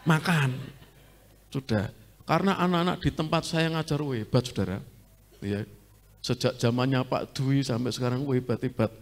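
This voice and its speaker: A middle-aged man with a Javanese accent preaching a sermon, teasing the congregation and asking them questions. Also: mid-range voice. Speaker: pastor.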